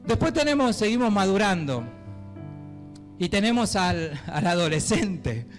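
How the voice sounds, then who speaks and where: A man with a Rioplatense accent preaching a sermon as pastor, animated and conversational, often asking the congregation questions. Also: high-pitched, measured pace. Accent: Rioplatense Spanish. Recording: echoey hall with guitar music.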